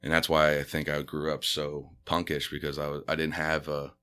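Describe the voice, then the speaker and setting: His voice rumbles low and smooth with a sharp edge, staying monotone at a moderate pace. He's a comedian who grew up with Spanish as his first language, guesting on a podcast and talking in a laid-back, meandering way full of fillers and restarts.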